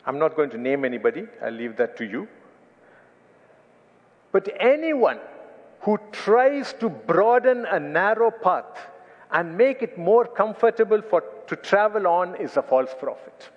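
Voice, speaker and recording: A man with an Indian accent preaching a sermon, emphatic and repeating key phrases slowly for weight. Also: high-pitched, big pitch swings, in a large hall, muffled recording.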